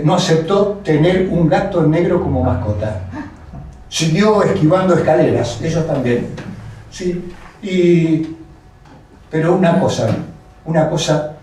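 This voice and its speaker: Slow Argentine man telling a story. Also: a little high, lively intonation, a little mellow. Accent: Argentine Spanish. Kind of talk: live oral storytelling. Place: museum house room with audience. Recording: echoey room, distant mic, faint noise.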